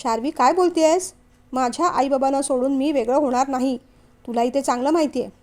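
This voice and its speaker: A woman's voice: high voice, fairly quick, darkish tone, lightly acted. A woman reading as a firm young man. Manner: firm, earnest. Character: young man, firm devoted son, steady.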